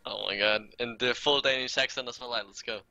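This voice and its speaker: A man's voice: mid-range voice, steady tone, a little fast, gravelly, bright, forceful tone, dry recording, muffled recording. A man co-hosting a livestream, laid-back and joking as he reads off a list of viewer names. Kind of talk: casual livestream chat, reading a list of names.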